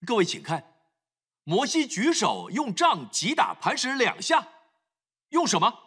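A man's voice: very high voice, wildly swooping pitch, measured pace, fairly bright tone, breathy edge. A man preaching a sermon, emphatic, acting out scripture scenes as he talks.

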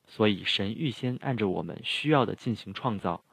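Middle-aged guy pastor, kinda low voice, explains stuff earnestly, dry close mic. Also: expressive, moderate pace, gravelly, fairly bright tone, breathy edge, no echo. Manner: earnest, explanatory, addresses the audience directly. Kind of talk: sermon teaching.

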